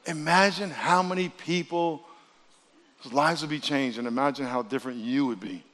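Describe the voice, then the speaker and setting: A man's voice: on the high side, normal speed, a bit bright. A man preaching a sermon as a pastor, in a conversational, folksy motivational manner that keeps prompting the congregation to respond. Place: large church auditorium with long reverb. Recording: reverberant large hall.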